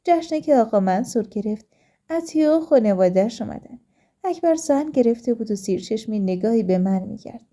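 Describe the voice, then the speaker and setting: A woman narrating a first-person life story in a calm, steady reading voice. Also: on the high side.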